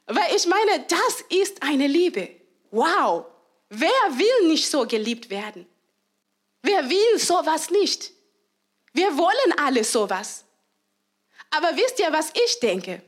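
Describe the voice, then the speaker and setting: A woman preaching a sermon, lively and given to laughter, acting out cheers and quoted voices and slowing down hard on key phrases. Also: high voice. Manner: slows down for emphasis on key phrases.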